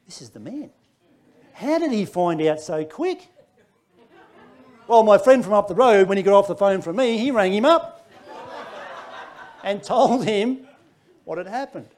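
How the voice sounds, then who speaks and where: A middle-aged Australian man preaching from the pulpit, telling a personal story. His voice sits high and swings widely, dropping to near-whispers and rising to bursts, with laughter running through his lines. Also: a little mellow. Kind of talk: sermon testimony.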